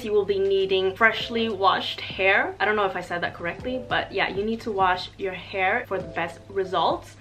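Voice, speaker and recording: A woman's voice: mid-range voice, sharp tone. Chatty young woman styling her hair. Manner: casual, chatty, demonstrating while styling hair. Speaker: beauty vlogger. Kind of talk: hair tutorial. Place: living room with sofa and plant, indoors. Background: background music.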